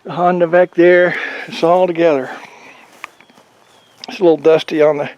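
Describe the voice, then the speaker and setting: A man's voice: a little high, fairly even intonation, moderate pace, darkish tone, muffled recording. Folksy man giving a casual vlog update. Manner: folksy, rambling, plain-spoken. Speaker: motorcycle vlogger. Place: outdoors on a farm.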